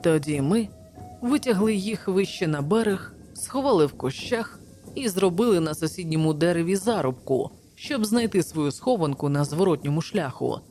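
A woman narrates an adventure novel in a low, steady voice. Her delivery is measured and even, with the calm pacing of a practiced reader. Soft music plays faintly beneath her. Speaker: audiobook narrator. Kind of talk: audiobook narration.

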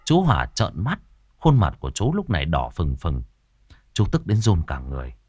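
A man narrating a ghost story audiobook with dramatic, expressive storytelling. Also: deep voice, moderate pace, breathy edge, no room sound.

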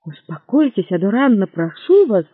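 A man voicing a flustered young gentleman, high and eager. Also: sing-song, normal speed, dry recording. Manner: eager, pleading, stammering. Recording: dry, tinny narrow-band audio.

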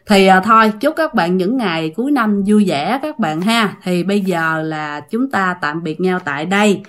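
A woman's voice: lowish voice, lively intonation, moderate pace, a bit bright. A woman with a Southern Vietnamese accent telling ghost stories in a chatty way, talking straight to her listeners. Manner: chatty, addresses listeners directly. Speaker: storytelling podcast host. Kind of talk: casual ghost-story narration.

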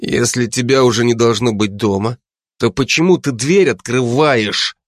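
A man's voice: medium pitch, expressive, moderate pace, no room sound, studio quality, natural voice. A man voicing a young gang driver who speaks tersely with restrained irritation. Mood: irritated.

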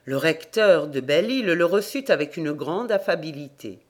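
An audiobook narrator reading a folk tale in an even, steady storytelling way. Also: medium pitch, moderate pace. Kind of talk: scripted narration.

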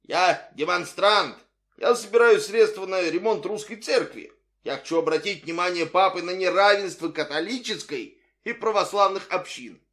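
A man's voice: high voice, normal speed, fairly bright tone, pitched above the performer's own voice. A man voicing a haughty, stern old beggar on church steps, speaking in a raised, dignified voice. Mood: indignant.

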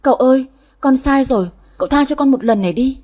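A woman's voice: sits high, quick pace, mellow, voice pushed up. A woman voicing a terrified young servant girl who pleads tearfully and stammers, in a storybook reading. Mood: pleading.

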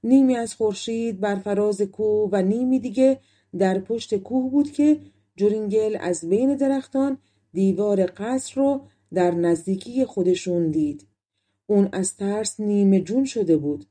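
A woman reading a fairy tale as an audiobook narrator, telling it calmly in a relaxed spoken style. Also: medium pitch. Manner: calm storytelling in colloquial spoken forms. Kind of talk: storybook narration.

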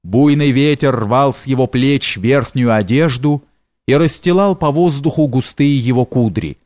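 A man narrating a historical novel in a measured, dramatic way. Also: medium pitch, a little mellow, no room sound, clean studio sound. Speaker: audiobook narrator. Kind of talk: scripted literary narration.

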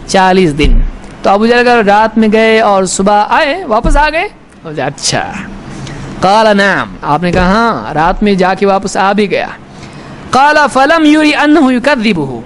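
An Islamic preacher with a very high, fairly bright voice gives a sermon, quoting lines of Arabic and then explaining them in colloquial Urdu. He changes his tone to act out the speakers in the story. Faint background noise, including passing vehicles, can be heard behind him.

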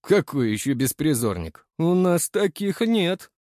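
A man's voice: fairly high pitch, sing-song, measured pace, darkish tone, no echo, pitched above the performer's own voice. Male narrator playing a big growling thug, heavy-handed, dry close sound. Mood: suspicious. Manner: growling, bullying. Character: hulking hungover village thug, gruff and suspicious.

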